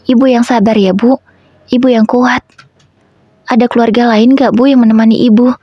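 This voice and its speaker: A woman voicing a soft, consoling hospital nurse in a spoken story. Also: a little high, steady tone, normal speed, breathy edge, no room sound, muffled recording.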